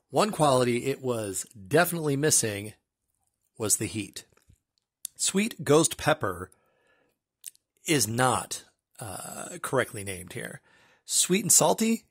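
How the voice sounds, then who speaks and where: A middle-aged man with a husky voice gives a casual, wry snack review with dry humor. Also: mid-range voice. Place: small room with bookshelves, indoors.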